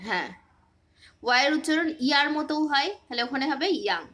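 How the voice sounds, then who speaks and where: A woman's voice: sits high, expressive, fast talker, bright, forceful tone, slight background noise. A woman teaching a casual phonics lesson, patiently quizzing her pupil with repeated questions.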